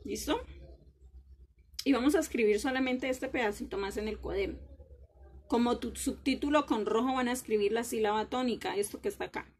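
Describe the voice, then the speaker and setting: A woman teaching a language lesson to children, praising them warmly and slowly drawing out words to show which syllable is stressed. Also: on the high side, slightly rough.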